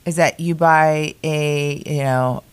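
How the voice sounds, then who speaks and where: A woman's voice: low-pitched, fairly even intonation, slow pace, clean tone, no echo. An American woman co-hosting a show in candid, chatty, slightly grumbling conversation, recorded on a meeting room mic in a conference room. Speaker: co-host of a daily video show. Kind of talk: casual chat.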